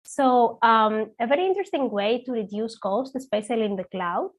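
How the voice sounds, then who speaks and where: A woman's voice: a little high, normal speed. A young woman, a PhD student, giving a technical conference talk remotely over a video call, with frequent hesitant "uh" fillers. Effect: speaking remotely over a video call. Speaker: PhD student presenting research.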